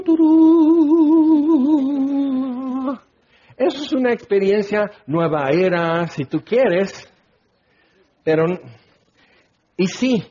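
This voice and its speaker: A preacher with a fairly high, husky voice delivers an animated sermon. He slips into little acted voices to make his points. The recording is dull and lo-fi. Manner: animated, acts out little scenes with put-on voices.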